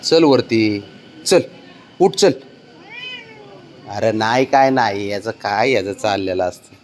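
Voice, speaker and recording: A man coaxing and pleading with his pet cat in a casual, affectionate pet-talk voice, his calls often rising high and sing-song, recorded outdoors. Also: slow, a little mellow, a little hiss or hum. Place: outdoors below his home.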